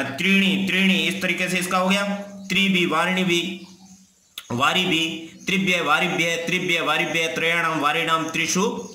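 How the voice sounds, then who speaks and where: A man's voice: on the high side, pushed and bright. A man teaching Sanskrit grammar, reciting word forms and often checking "ठीक है ना?". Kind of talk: classroom grammar lesson. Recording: echoey room.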